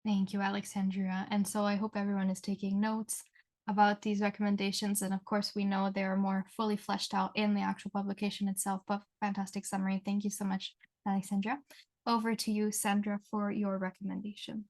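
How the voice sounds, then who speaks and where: A woman's voice: medium pitch, completely flat delivery, fairly quick, a little mellow. A woman moderating a panel, politely thanking speakers and handing over the floor.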